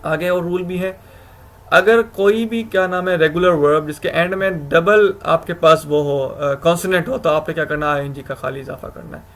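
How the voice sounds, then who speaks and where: A man's voice: on the high side, steady tone, moderate pace, a bit bright. A man giving a recorded grammar lecture, explaining step by step, often asking himself questions and correcting himself. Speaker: English grammar teacher.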